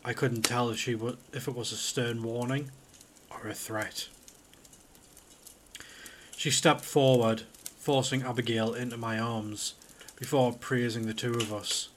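A man, a podcast host, reading a first-person horror story aloud in a steady, even voice. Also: mid-range voice, unhurried, long pauses, slight background noise. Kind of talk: scripted horror narration.

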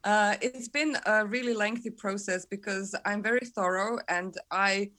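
A woman from Croatia speaks as a guest author in an interview. She explains things thoroughly in a mid-pitched voice and laughs easily. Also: fairly even intonation, moderate pace, sharp tone. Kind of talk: interview conversation.

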